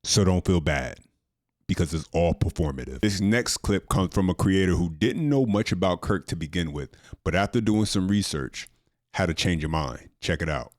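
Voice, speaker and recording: A man narrating clips as a commentator, dry and measured. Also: low voice, lively intonation, dry recording. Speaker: clip show narrator.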